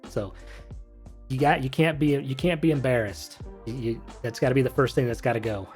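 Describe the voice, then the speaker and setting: A man in his thirties talks through voice-acting technique, casual and rambling, correcting himself as he goes. His voice sits at an ordinary pitch, with faint music underneath. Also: steady tone, fairly quick. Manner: chatty, rambling, self-correcting asides. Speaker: voice actor explaining technique. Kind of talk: casual instructional commentary.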